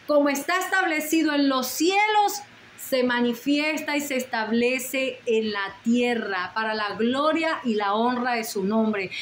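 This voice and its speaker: Woman preaching hard, high voice, lots of repeating and pleading, echoey room w/ faint noise behind. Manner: fervent, repetitive declarations with prayerful pleas. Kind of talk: sermon.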